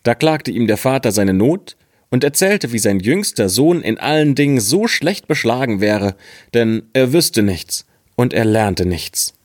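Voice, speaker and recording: A man narrating a fairy tale in a calm, measured audiobook style. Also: medium pitch, no room sound, clean studio sound. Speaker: storyteller.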